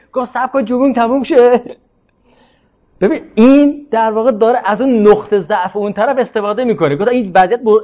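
Man, high voice, informal lecture, discursive, rhetorical questions, slightly muffled recording. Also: a little mellow. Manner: discursive, asks rhetorical questions, repeats points.

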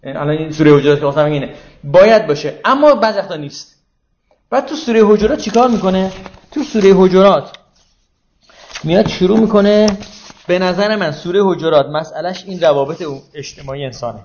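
A man with a fairly high voice teaches scripture in a relaxed, conversational way, often posing questions to his listeners. The recording is echoey and a little dull, like a lo-fi room recording. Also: slight background noise. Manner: conversational, explains with rhetorical questions to the audience. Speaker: religious teacher. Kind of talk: informal lecture on Quranic verses.

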